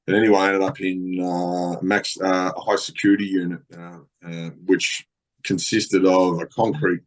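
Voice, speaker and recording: Deep-voiced rambling Australian man. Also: level tone, normal speed. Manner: rambling, heavy swearing, many fillers. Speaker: podcast guest. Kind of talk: casual storytelling.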